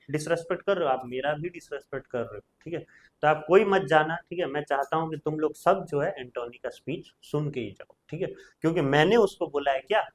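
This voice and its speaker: A young male tutor explaining a play line by line in Hindi, reading the English lines slowly and with emphasis and saying "theek hai" after almost every phrase. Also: on the high side. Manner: says "theek hai" constantly.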